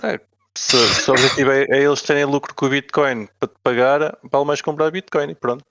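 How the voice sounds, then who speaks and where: A man's voice: medium pitch, level tone, a little fast, gravelly, a bit bright. A man with a European Portuguese accent hosting a casual podcast, informal and often questioning. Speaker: podcast host.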